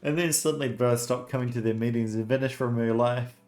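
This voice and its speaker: A man's voice: medium pitch, fairly even intonation, fairly quick, a little mellow, faint music behind, voice pushed up, lightly acted. A man voicing a haughty, gossipy noble aunt in a video game, with theatrical, scandalized exclamations. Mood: pitying.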